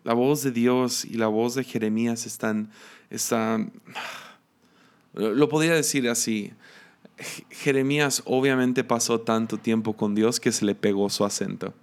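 A man's voice: mid-range voice, steady tone, measured pace, clean tone. A man with a Mexican accent, teaching a conversational sermon in a reflective, chatty way. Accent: Mexican Spanish. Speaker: preacher.

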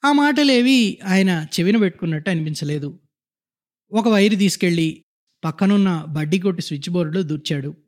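A man reading a short story aloud in a measured, descriptive narration. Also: sits high, expressive.

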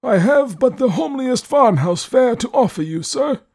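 A man's voice: very high voice, animated, moderate pace, a little mellow, voice pushed up, heavily acted. A man putting on a haughty, stern old recluse. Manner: haughty, clipped demands.

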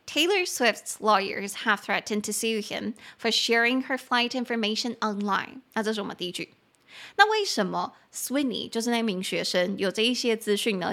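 A woman hosting a podcast English lesson, chatty and going slowly when she spells words and syllables. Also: mid-range voice, vocal fry, sharp tone. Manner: chatty asides to the listener. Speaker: podcast host and English teacher.

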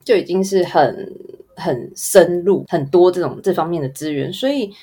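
A woman's voice: lowish voice, normal speed, warm tone, breathy edge. A woman with a Taiwanese Mandarin accent answering casually in an interview, in a rambling, informal way with trailing lists. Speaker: guest, advertising photographer.

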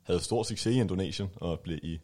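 A man's voice: sits low, darkish tone. A man presenting music in a casual studio chat, talking with frequent hesitations. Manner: hesitant, many fillers and laughs.

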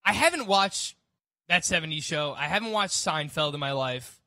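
Co-host: high, very bright young man, joking and self-mocking, dry close mic. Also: lively intonation, moderate pace, no echo. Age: 20s. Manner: playful, self-mocking, laughs often. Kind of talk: casual podcast chat.

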